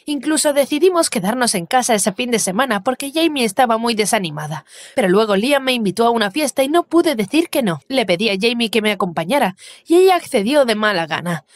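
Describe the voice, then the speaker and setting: A woman narrating a first-person animated story in an even storytelling voice. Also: on the high side, fairly quick, no echo, studio quality.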